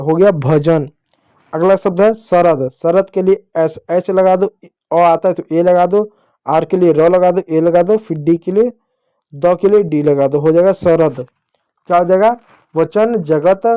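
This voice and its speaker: A man with a fairly high, mellow voice teaches a children's spelling lesson. He takes his time, working through each letter step by step and repeating himself patiently.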